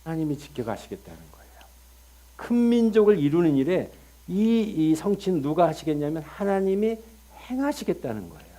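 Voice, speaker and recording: A middle-aged male pastor preaching a sermon, telling the story in an animated way and acting out dialogue with sudden loud outbursts. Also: a little high, brisk.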